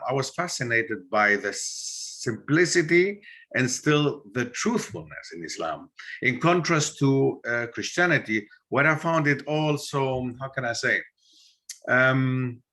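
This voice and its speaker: A man's voice: mid-range voice, expressive, measured pace, sharp tone. A man of Greek origin, a historian and author, a guest in an interview who tells his story animatedly and acts out quoted dialogue. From Greece.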